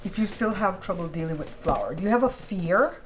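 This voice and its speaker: A woman's voice: mid-range voice, lively intonation, normal speed. A woman chatting casually as she hosts a home baking tutorial, explaining step by step and checking in with viewers. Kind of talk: casual cooking tutorial chat. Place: indoors at a kitchen counter. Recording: clearly noisy home recording.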